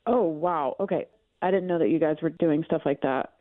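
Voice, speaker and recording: A woman's voice: low voice, normal speed, no room sound. A woman heard over speakerphone on a radio show, talking reluctantly and uneasily about an awkward matter with a friend. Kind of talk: phone call on a morning radio show. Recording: tinny phone line.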